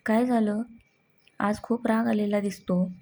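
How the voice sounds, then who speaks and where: Woman reading storybook father: calm, reasoning, husky-mellow. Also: mid-range voice, a little slow. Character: stern but gentle middle-aged father.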